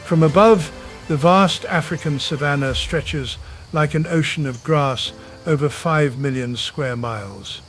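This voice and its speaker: A man narrating a nature documentary from a script in a dramatic, measured, portentous way. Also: a little high. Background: music.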